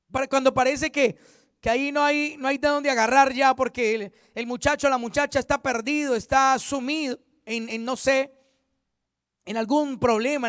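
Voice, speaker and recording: High-voiced pastor teaching a Bible study. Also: male voice, fairly bright tone, no room sound, studio quality. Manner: earnest, repetitive, self-correcting teacher.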